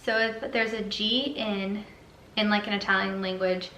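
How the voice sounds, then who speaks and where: A woman's voice: mid-range voice, level tone, moderate pace, sharp tone, echoey room, a little hiss or hum, rough recording. A woman talking casually as she cooks and tastes food in her home kitchen for a cooking vlog, chatty and full of "um" and "like". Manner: chatty, many fillers like "um" and "like". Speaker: cooking vlogger.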